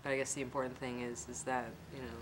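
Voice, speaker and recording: A woman's voice: a bass voice, flat delivery, quick pace, background noise. A woman speaking candidly and reflectively in a documentary interview. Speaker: interviewee telling her story. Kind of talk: personal documentary testimony.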